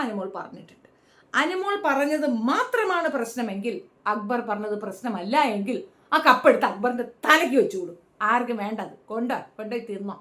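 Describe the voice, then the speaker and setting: A woman vlogger speaks in a fairly high voice. She gives a blunt, opinionated commentary and turns sarcastic and scolding as she goes. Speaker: reality show commentator.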